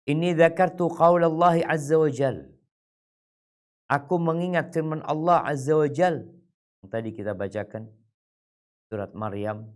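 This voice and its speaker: Male preacher, religious talk; recites Arabic lines, then explains them casually; voice swoops high and low, loud to soft. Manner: colloquial asides to the audience. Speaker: Islamic preacher. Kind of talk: religious lecture.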